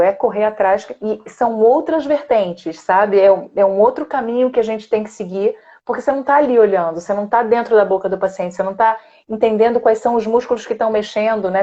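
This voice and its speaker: Chatty woman speech therapist, lo-fi call. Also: medium pitch. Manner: warm, chatty, laughs often, affectionate. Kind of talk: casual live chat. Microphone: computer or phone on a video call.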